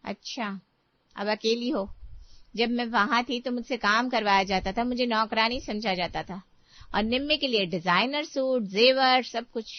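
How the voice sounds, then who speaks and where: A woman's voice: a little high, measured pace, no room sound, natural voice. A sulky, reproachful young daughter, as a woman storyteller voices her. The voice is dry and close, in a dull lo-fi recording.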